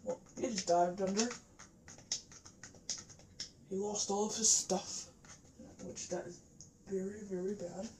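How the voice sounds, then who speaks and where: This gamer speaks slowly and pauses often, her mid-range voice mellow with fairly even intonation. She's chatting casually about her gameplay indoors, in a living room in front of a TV, captured by a camera. Controller clicks, background noise, and a roomy echo fill the recording.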